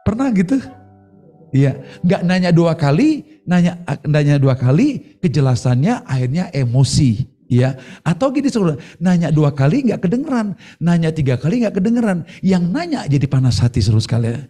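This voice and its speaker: A man's voice: on the high side, very animated, moderate pace, warm tone, soft background music. A male pastor preaching at a church service streamed online, acting out bits of dialogue in a playful way. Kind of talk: sermon.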